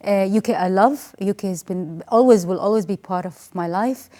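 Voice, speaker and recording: A woman's voice: medium pitch, normal speed, dark tone. A woman from Qatar speaking as an interview guest, earnest and encouraging, stressing her points with emphasis. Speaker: guest, life coach. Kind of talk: interview conversation.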